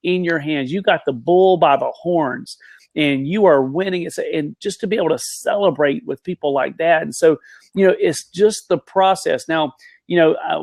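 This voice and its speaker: A man's voice: a little high, creaky, darkish tone, dry recording. A man giving an impassioned motivational rant on a live video panel, folksy, emphatic and repetitive. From rural area (said, country).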